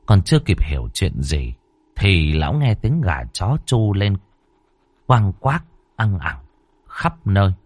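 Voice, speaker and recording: Give me a male horror storyteller with a lively delivery and dry, close sound. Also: sits low, slow pace, no echo. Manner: expressive, dramatic pacing. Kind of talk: scripted horror narration.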